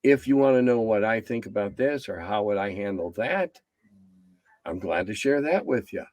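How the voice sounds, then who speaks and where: This interview guest, a game designer in his 70s, speaks with lively intonation at a moderate pace in casual conversation. Blunt and rambling, he trails off low and quiet toward the end. There is no echo.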